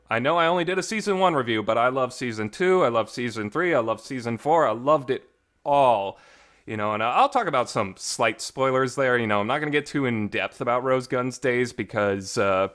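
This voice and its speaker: In a reverberant homemade recording, a male host rambles through a casual visual novel review. His mid-range voice has a fairly bright tone, and he's enthusiastic and emphatic, repeatedly restarting sentences.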